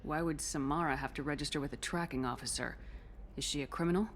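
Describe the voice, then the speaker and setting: A woman's voice: low-pitched, fast talker, a little hiss or hum. A woman playing a composed, direct human military commander in video game dialogue. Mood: businesslike.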